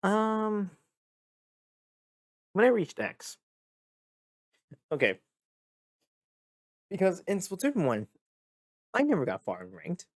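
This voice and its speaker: A young man hosting a casual gaming vlog, tired and a bit monotone, rambling and repeating himself as he talks. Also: high-pitched, slow pace, pauses often, no room sound, clean studio sound. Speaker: gaming video host. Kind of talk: casual talk to camera.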